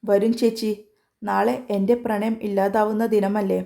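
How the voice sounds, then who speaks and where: A young woman in a storybook tale who holds back her own heartbreak as a woman voices her. She speaks quietly and with restraint, in a mellow, dark voice. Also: medium pitch, little pitch movement, moderate pace, creaky, natural voice. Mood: heartbroken.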